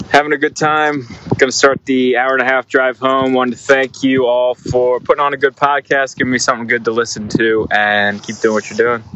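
A man calling in with a recorded phone voice message, speaking in a slow, unhurried, friendly way. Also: medium pitch, a bit bright. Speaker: caller leaving a voice message. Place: in or near a vehicle, outdoors at a lake. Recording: muffled phone recording with vehicle noise.

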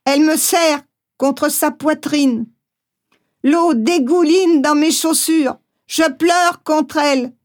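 A woman reading a first-person memoir aloud, gently, acting out the voices she quotes. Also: high-pitched, slow pace. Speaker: audiobook reader.

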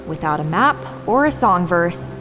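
A woman's voice: fairly low pitch, animated, normal speed, over music, natural voice. Woman as a reflective young adventurer narrating. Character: young girl adventurer recounting her journey. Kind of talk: scripted first-person story narration.

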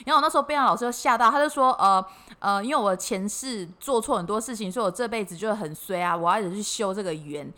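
A woman's voice: medium pitch, fast talker, bright, forceful tone. A woman with a Taiwanese Mandarin accent co-hosting a podcast, telling a story dramatically and acting out the quotes. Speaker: podcast co-host. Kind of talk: casual chat, storytelling.

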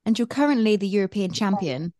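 A woman interviewer leads the conversation with upbeat, friendly questions. Her voice sits at a middle pitch. It is recorded dry, with no room echo. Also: expressive, brisk, darkish tone.

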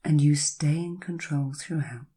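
Leading a guided hypnosis, a woman speaks low-pitched and soft, her breathy voice stretching out slow, calming phrases. Long pauses fall between them.

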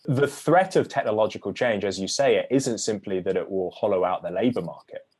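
A man with a lowish voice talks through an argument as an interview guest. He speaks in a measured, lecturing way, sometimes restarting mid-phrase. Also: a little mellow, husky. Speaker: author guest. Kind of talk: explaining ideas in an interview.

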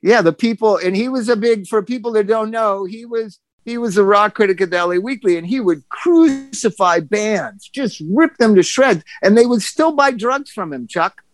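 A middle-aged man co-hosting a casual chat, telling rambling, animated stories with restarts and swearing. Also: sits high, moderate pace, hardly any pauses. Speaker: podcast co-host.

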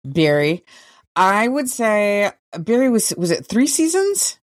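A woman co-hosting a podcast, chatting casually about TV shows in a relaxed way, now and then swearing. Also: mid-range voice, takes it slowly, no room sound, clean studio sound. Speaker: podcast co-host.

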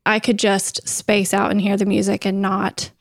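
A woman's voice: medium pitch, monotone, normal speed, creaky, no echo, clean studio sound. A woman in casual conversation on a music podcast. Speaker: podcast co-host or guest. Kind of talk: casual chat.

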